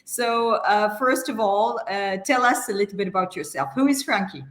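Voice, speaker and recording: A woman's voice: medium pitch, normal speed, roomy sound. A woman hosting a business interview, introducing her guest with many hesitant fillers. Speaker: interview host.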